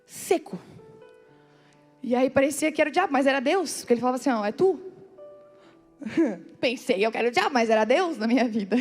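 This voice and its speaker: A woman with a high voice preaches a heartfelt sermon in a church hall. She speaks with intense, pleading feeling and draws her phrases out slowly, while soft instrumental music plays faintly underneath. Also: animated. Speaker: preacher at a women's church meeting. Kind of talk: emotional sermon.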